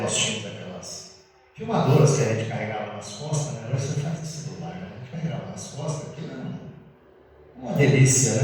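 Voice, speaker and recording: A man's voice: on the low side, dark tone. A middle-aged man with a Brazilian Portuguese accent, giving a conversational talk at a spiritist center and often asking his listeners questions. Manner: conversational, asks the audience questions with frequent "né?". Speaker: spiritist speaker. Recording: echoey hall, voice far from the mic.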